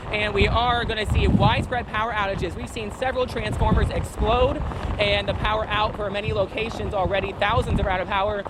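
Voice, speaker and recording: A male field reporter with a high-pitched voice delivers live breaking weather coverage. He projects in a raised voice over the wind. The recording is outdoors by a road, with very loud wind noise battering the microphone. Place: outdoors on a roadside in hurricane wind. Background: wind gusts and roaring.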